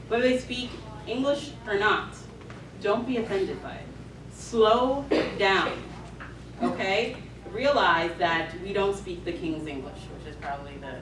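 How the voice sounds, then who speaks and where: Woman lecturing in an echoey hall. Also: mid-range voice. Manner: emphatic, keeps asking "right?". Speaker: emergency medicine lecturer. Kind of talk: grand rounds lecture. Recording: echoey hall, mic far off, noisy.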